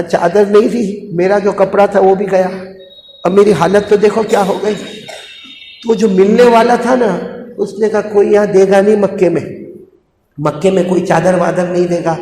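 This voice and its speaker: Male preacher, emotive storytelling, big dynamic swings; echoey hall with faint noise. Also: high-pitched. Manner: dramatic, swings from hushed to shouting.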